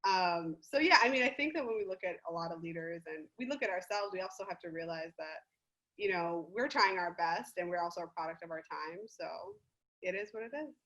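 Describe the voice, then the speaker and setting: A young woman from the United States, a guest on a casual podcast, talking in an animated, gushing way and laughing often. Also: lowish voice, fairly quick, poor audio.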